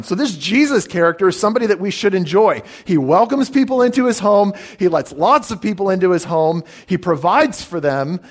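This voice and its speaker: Higher-voiced man preaching a teaching sermon. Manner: explanatory teaching, fillers, checks in with "okay?". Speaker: pastor.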